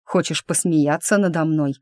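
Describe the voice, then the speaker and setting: A gruff, grumbling half-goblin young man, read out by a woman narrator in a storybook. His voice sits fairly low and sounds dry and close to the mic. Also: moderate pace, darkish tone, no echo, close to an everyday voice. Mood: sulky.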